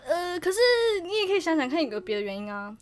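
A young woman chats on a podcast and tells a ghost story. She talks quickly, her pitch rising and falling a lot, and she drops to a hushed voice for the eerie bits. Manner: lively storyteller, drops to a hushed voice for spooky parts. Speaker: podcast co-host. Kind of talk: casual chat, telling a ghost story.

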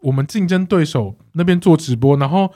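A man, co-hosting a casual chat and telling a story in an animated way, laughing often. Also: on the high side, fairly quick. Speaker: podcast co-host.

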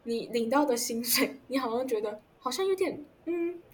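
A woman's voice: high voice, lively intonation, slight background noise. Chatty young woman interviewing. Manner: chatty, many fillers and trailing pauses. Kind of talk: casual chat.

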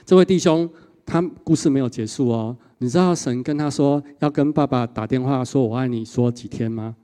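A male pastor, preaching a sermon and telling stories in an animated way, often tagging sentences with a short "ha". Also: mid-range voice, normal speed, smooth. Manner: animated storytelling with a frequent 哈 tag.

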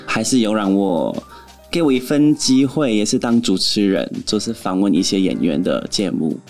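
Low-voiced North American man speaking Mandarin as a foreigner. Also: expressive, moderate pace, darkish tone, soft background music. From Canada. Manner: frank, opinionated. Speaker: interview guest, actor and office worker in marketing. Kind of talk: casual interview chat.

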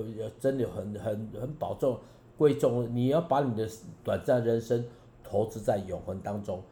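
Appearing as a preaching guest on a radio show, a man gives a personal testimony in a halting, earnest way, restarting phrases often and rising for emphasis. His voice is low, very dark and mellow, with a roomy echo and slight background noise.

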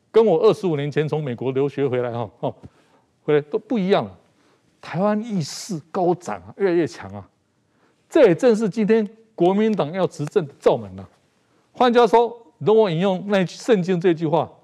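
A middle-aged Taiwanese man with a high, slightly mellow voice and a Taiwanese Mandarin accent appears as a talk show guest in a TV studio. He makes emphatic political commentary, repeating phrases for stress.

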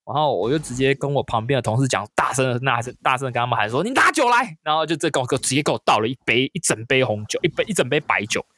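A man's voice: medium pitch, very fast, few pauses, fairly bright tone. A man telling a story in casual chat, acting out quotes in a raised voice. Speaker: storyteller recounting hosting a company party.

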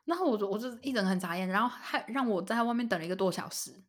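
A woman's voice: medium pitch, rapid-fire. A young woman co-hosting a podcast, telling a story in casual chat and acting out the lines of the people in it. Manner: animated, acts out quoted dialogue. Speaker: podcast co-host.

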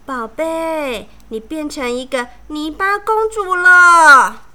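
Woman as a gentle queen mother. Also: sits high, lively intonation, slow pace, heavily acted. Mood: tender. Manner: soft, tender, soothing.

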